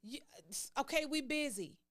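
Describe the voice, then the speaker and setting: A woman's voice: high voice, expressive, normal speed, fairly bright tone. A woman co-hosting a casual faith talk show, speaking in an earnest, teaching tone. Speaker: co-host.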